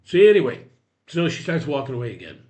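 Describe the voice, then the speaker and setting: A man's voice: mid-range voice, quick pace. Man in his sixties telling a story. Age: 60s. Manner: animated retelling, acts out quoted dialogue. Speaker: podcast guest. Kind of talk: casual storytelling.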